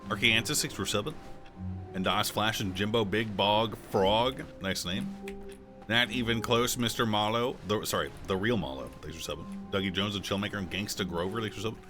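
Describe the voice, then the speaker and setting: A man's voice: on the low side, brisk, over music. A man streaming a video game, making crude, joking asides and rants to his chat. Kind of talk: casual game-stream commentary.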